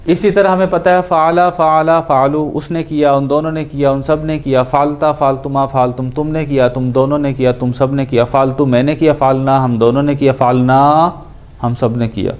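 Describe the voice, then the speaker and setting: A male teacher giving a grammar lesson at an ordinary middle pitch. He explains step by step, repeats each verb form as he drills it, and slips English words into his explanations. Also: fairly even intonation, a little mellow. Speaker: Quran and Arabic grammar teacher.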